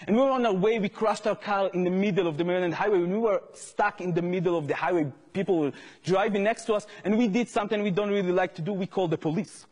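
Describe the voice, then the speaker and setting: A man's voice: high-pitched, fast, a little mellow, in a large hall. A man with an Israeli accent giving a public lecture as an activist, telling a story earnestly and growing impassioned.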